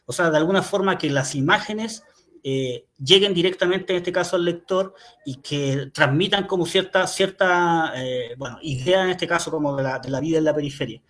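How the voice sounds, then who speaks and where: Hesitant Chilean man, slightly high voice. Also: moderate pace, fairly bright tone. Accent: Chilean Spanish. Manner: thoughtful, hesitant, many fillers and restarts. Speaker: guest poet. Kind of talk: reflective interview answer. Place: home, remote video call. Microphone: video call.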